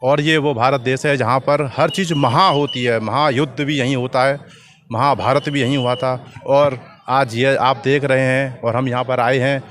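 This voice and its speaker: A man with a medium-pitched voice gives a devotional street-interview statement. He declaims, building up his point through repeated phrases. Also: steady tone, moderate pace, a bit bright.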